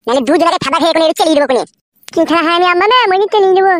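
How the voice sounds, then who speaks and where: High, fast-talking brash woman. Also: no room sound. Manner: brash, rude, quarrelsome. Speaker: actor in a comic family sketch. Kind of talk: comic sketch acting.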